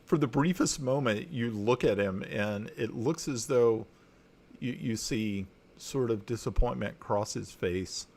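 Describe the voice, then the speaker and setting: A man running a tabletop game as dungeon master, narrating slowly with many fillers and restarts. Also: medium pitch, gravelly, a little mellow.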